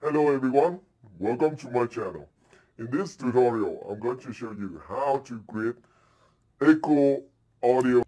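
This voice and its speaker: A man greeting viewers at the start of a video tutorial, his voice run through a pitched-down robotic digital effect. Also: expressive, measured pace, warm tone, low-quality recording. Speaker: video editing tutorial host. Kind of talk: scripted channel intro.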